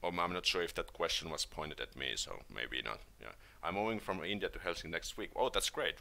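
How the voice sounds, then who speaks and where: On a casual stream, a Finnish man answers questions from viewers in an easygoing, halting way, with plenty of fillers and false starts. He has a Finnish accent and a low-pitched, gravelly voice, and speaks a little fast.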